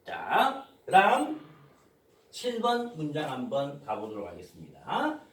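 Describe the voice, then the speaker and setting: A man teaching an English pronunciation lesson to students, modeling phrases slowly and explaining quickly. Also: fairly high pitch, wildly swooping pitch, far from the mic. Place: classroom with students. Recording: echoey room, voice off-mic.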